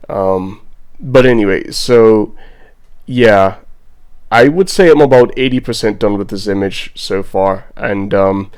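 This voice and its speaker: A man's voice: fairly low pitch, darkish tone. A man with a Bermudian accent giving casual, rambling vlog commentary as an artist, in a laid-back, self-deprecating way. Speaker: digital artist and vlogger.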